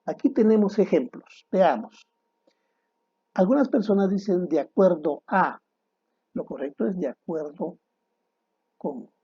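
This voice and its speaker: A man teaching a grammar lesson to students, deliberate and didactic, posing rhetorical questions and then answering them. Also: sits high, animated, husky, dull audio.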